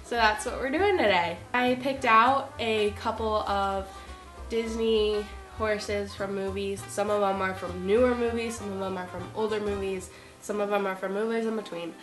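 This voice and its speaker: A woman's voice: medium pitch, fairly even intonation, normal speed, fairly bright tone. A woman with a stuffy nose from a cold, chatting casually and rambling in a vlog about horses. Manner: chatty, rambling with frequent ums and likes. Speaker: horse vlogger. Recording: echoey room with music behind. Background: music playing.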